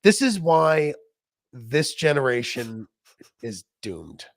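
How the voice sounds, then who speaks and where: A man's voice: mid-range voice, very animated, slow pace, dry recording, clean studio sound. A man co-hosting a casual podcast, joking around and reading old magazine letters aloud in mock voices. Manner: jokey, reads letters in mock voices, laughs often. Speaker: podcast co-host.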